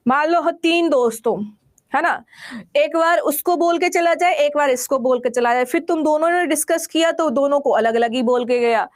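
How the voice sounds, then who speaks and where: High-voiced woman teaching vocabulary. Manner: explains with everyday examples, asks and answers her own questions. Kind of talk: classroom vocabulary lesson.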